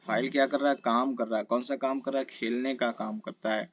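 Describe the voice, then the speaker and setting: A man at a mid pitch teaching an exam-prep grammar lesson. He asks each question aloud and answers it himself, checking back often with his listeners. The recording is close and dry with a slightly muffled tone. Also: steady tone, no room sound.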